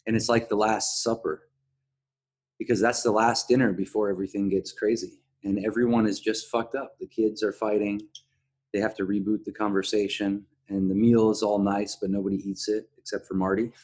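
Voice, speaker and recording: Guy podcast host, lowish husky voice, casual chat, kinda halting, doubles back on words. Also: level tone, a little mellow. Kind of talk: casual discussion of a TV series.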